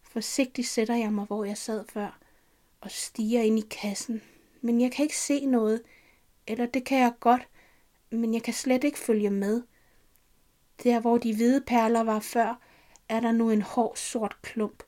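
A woman reading her own first-person story aloud as scripted narration, in a soft, unhurried, intimate manner. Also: a little high, fairly even intonation.

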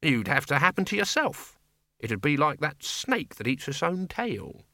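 Man voicing an anxious old servant, higher and pleading. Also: sing-song, unhurried, sharp tone, dry recording, clean studio sound, full character voice. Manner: nervous, pleading, stammering. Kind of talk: audiobook character reading.

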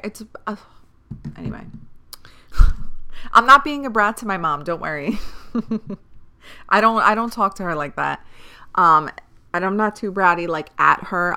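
A woman's voice: lowish voice, pushed and bright. A woman hosting a podcast solo, chatting casually in a rambling, candid way with the odd swear word. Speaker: podcast host.

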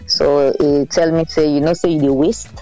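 Woman, low voice, relaxed storyteller, faint music behind. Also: moderate pace, rough recording. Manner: relaxed, storytelling, mixes Pidgin into English. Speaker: singer and interview guest. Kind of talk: casual interview chat.

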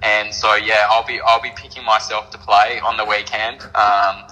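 An Australian man answering interview questions as a team captain in casual, cocky, deadpan chat. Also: fairly low pitch, moderate pace, long reverb tail, poor audio.

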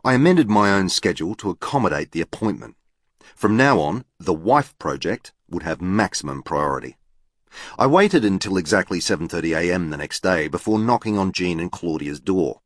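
A man narrating a novel in the first person, precise, formal and deadpan. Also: low-pitched, moderate pace, no echo, clean studio sound. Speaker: audiobook narrator.

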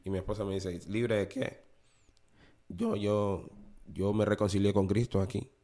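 Man, low voice, earnest, confessional, repeats himself, podcast testimony. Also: level tone, moderate pace, mellow. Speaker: guest giving testimony. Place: New Orleans.

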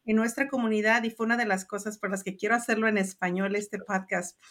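A woman's voice: medium pitch, little pitch movement, fairly quick, fairly bright tone. A woman hosting a podcast, interviewing her guest and reflecting on his stories with affirming remarks. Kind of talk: conversational interview.

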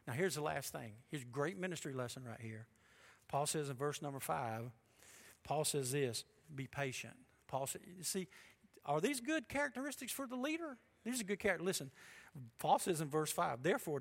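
A male pastor preaching a sermon, emphatic and shifting between loud and hushed delivery. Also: fairly high pitch, lively intonation, normal speed.

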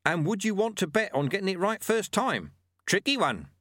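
A man performs the character of an old, wry male monk, raising his voice above its natural pitch into an exaggerated, high, fairly bright tone with big pitch swings at normal speed. The monk lectures in an offhand, chatty way, and the recording is clean studio sound with no echo.

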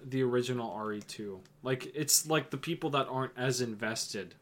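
A young man co-hosting a casual podcast chat, rambling with lots of "um" and "yeah" and making deadpan jokes. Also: medium pitch, normal speed. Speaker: podcast co-host.

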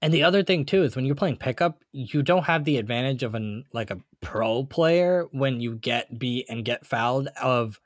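A man with a medium-pitched voice co-hosts a casual podcast. He rambles along in loose, slangy talk. The recording is dry and free of room sound. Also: lively intonation, moderate pace, few pauses, dry recording. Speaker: podcast co-host. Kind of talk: casual chat.

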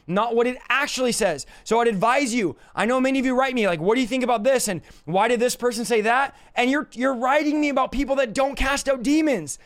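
A man with a hoarse, raspy voice worn out from yelling, preaching in an emphatic, combative and informal way on a livestream. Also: very high voice. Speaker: preacher and deliverance minister. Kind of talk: livestreamed sermon, informal teaching.

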